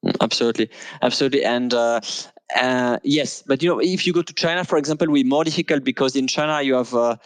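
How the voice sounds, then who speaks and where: A man with a French accent, a native French speaker, talking as an interview guest in casual conversation, hesitant with many pauses and restarts. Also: mid-range voice, no echo, rough recording.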